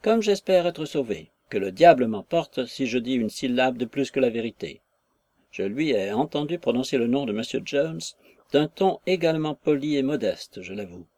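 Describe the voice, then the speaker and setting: A man's voice: mid-range voice, lively intonation, moderate pace, warm tone, no echo, close to an everyday voice. A man voicing a chatty, gossiping female innkeeper who rattles on with exclamations, in an audiobook reading of a classic novel. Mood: insistent. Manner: garrulous, wheedling, full of exclamations.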